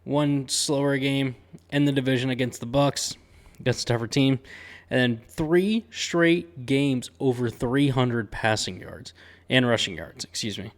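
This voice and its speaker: A man's voice: medium pitch, measured pace. A man hosting a sports betting picks show, talking casually and upbeat, with slangy sports talk and lots of "um" and "uh" fillers. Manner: chatty and upbeat, with frequent "um" and "uh" fillers.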